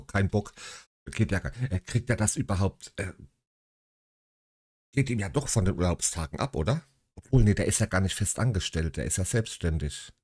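A man's voice: low-pitched, breathy edge, dry recording, studio quality. A man reading a bedtime story aloud and breaking off into chatty, sarcastic asides.

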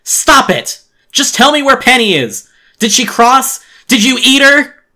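A man's voice: very high voice, very animated, measured pace, pushed and bright, voice pushed up, heavily acted. A man voicing a terrified, furious eight-year-old boy who screams frantic accusations in a dramatic reading of a horror story. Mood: screaming.

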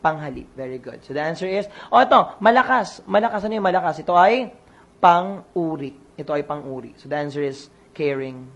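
A coach leads an online exam review. The voice has a gravelly, fry-edged texture at a middle pitch. The coach quizzes the listeners and repeats each answer. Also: animated, a little fast, lo-fi sound.

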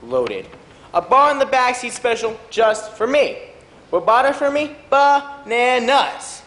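A man's voice: sits high, fairly bright tone, exaggerated voice. A man performing a stage monologue as a boastful self-made banana businessman, talking in a brash, bragging way. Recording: echoey auditorium.

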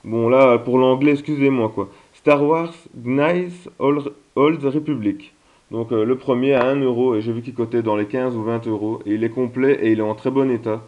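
A man's voice: medium pitch, steady tone, normal speed, phone-quality sound. A man chatting casually in a vlog about his video game finds, talking hesitantly with many fillers. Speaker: video game collector vlogger.

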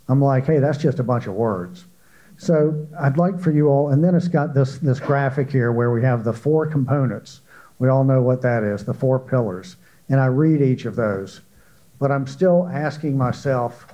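Older man moderating a panel, mellow. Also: mid-range voice, lo-fi sound. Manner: conversational, asks questions with frequent fillers. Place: large conference hall. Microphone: handheld mic.

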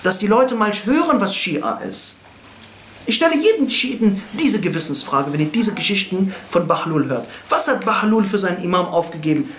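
A man's voice: sits high, fairly bright tone, slight background noise. Impassioned man lecturing in an echoey hall. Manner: blunt, impassioned, asks rhetorical questions. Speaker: religious lecturer. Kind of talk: religious lecture with storytelling.

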